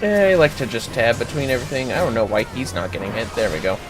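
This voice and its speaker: Talking fast and animated in a mid-range voice, a man streams his gameplay and explains strategy one step at a time, cursing casually. The audio quality is poor, and music runs underneath his voice.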